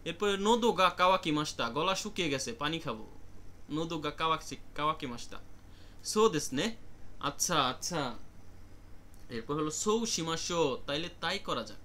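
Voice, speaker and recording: A man's voice: a little high, lively intonation, normal speed, pauses often, bright, forceful tone, a little hiss or hum. A man with a Bangladeshi accent teaching Japanese vocabulary in an online class, explaining each word and calling on students.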